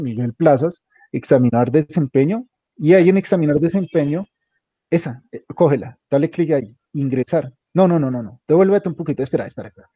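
A man instructs a computer class, walking his student through each click and repeating himself as he goes. His voice sits somewhat high and is mellow. The dry, dull lo-fi recording gives it a flat, close quality. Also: dry recording. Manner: directive, repeats instructions step by step.

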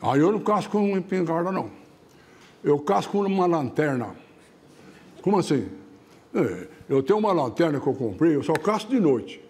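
A man's voice: on the high side, very animated, moderate pace, pauses often, a little mellow. A man acts out a simple country hunter boasting about his lantern, in an everyday voice. His speech rises and falls a lot, and he sounds proud and matter-of-fact.

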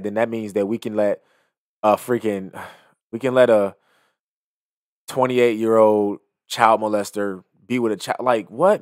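A young male video commentator delivers emphatic, moralizing reaction commentary in a small home studio at home indoors. He has a lowish voice, picked up with no room sound by a close studio mic on an arm while he wears a headset.

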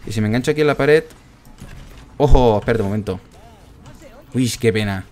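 A man casually commentating his own gameplay, chatty and excitable, groaning at every miss. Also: fairly low pitch, fast, soft background music. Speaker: gaming streamer.

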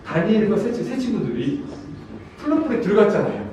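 A man's voice: high-pitched, very animated, fairly quick, warm tone. A man preaching a sermon as a pastor, emphatic, often calling out to his congregation. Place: church sanctuary. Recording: very echoey hall, mic far off, faint noise.

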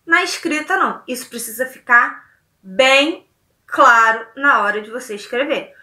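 Chatty Brazilian woman teacher, high voice. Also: lively intonation, measured pace, pushed and bright, echoey room, far from the mic. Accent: Brazilian Portuguese. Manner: chatty, checks in with "ok?" and "beleza?". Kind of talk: recorded online lesson.

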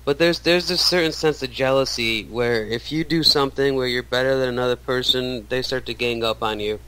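A man's voice: mid-range voice, a little fast, sharp tone, clean tone, rough recording. A man in his thirties, a radio show guest, talking casually with many restarts and fillers. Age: 30s. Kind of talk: casual interview talk.

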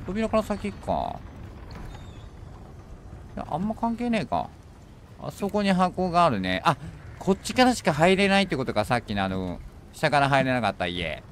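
A man streaming a horror game, thinking aloud as he plays and bursting into alarmed shouts when enemies appear. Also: a little high, big pitch swings, normal speed, long pauses, slight background noise. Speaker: gaming streamer. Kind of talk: horror game let's play commentary.

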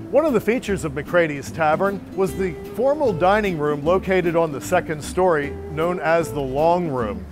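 Man, middle-aged, animated tour guide, slightly high voice, faint music underneath, outdoor lapel mic. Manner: storytelling, lively, playful asides. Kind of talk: on-camera walking tour presentation. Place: outdoors on historic city streets and alleys.

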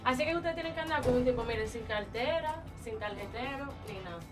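A woman's voice: on the high side, fast, music in the background. A woman in her twenties, sassy and teasing in flirty casual banter. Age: 20s. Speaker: content creator.

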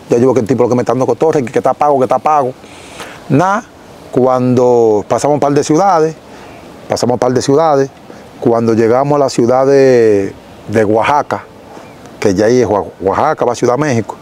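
A young Dominican man with a Dominican Spanish accent, telling his story as an interview guest in an animated, casual way, recorded outdoors on a lapel mic. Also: medium pitch, fairly quick, a little hiss or hum, low-quality recording. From Dominican Republic. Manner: animated, gesturing, frequent self-corrections. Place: outdoors in a rural yard.

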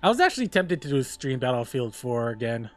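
A man's voice: mid-range voice, very animated, fairly quick. A man casually commenting while he plays a game on a live stream, chatty, exclaiming and laughing during fights, humming bits of tunes.

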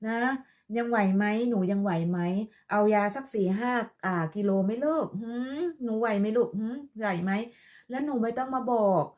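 A woman's voice: on the high side, moderate pace, darkish tone. A woman ranting in a vlog monologue, scolding and mocking with crude insults in a sarcastic motherly tone. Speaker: online commentator.

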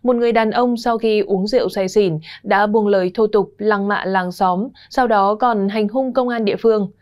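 A woman's voice: medium pitch, fairly even intonation, moderate pace, a little mellow. Young woman presenting the news. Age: young adult.

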